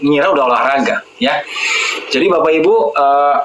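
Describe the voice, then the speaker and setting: A man with a slightly raised pitch lectures his viewers during a live-stream health talk. He addresses them directly and leans on repetition to drive each point home. The sound is roomy and echoey, with a faint hiss of noise underneath. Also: normal speed, a bit bright.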